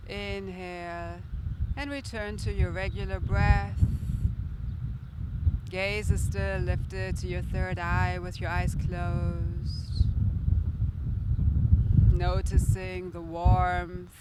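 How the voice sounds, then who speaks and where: A woman yoga instructor calmly guiding a breathing practice in a measured, soothing way. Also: lowish voice, heavy background noise.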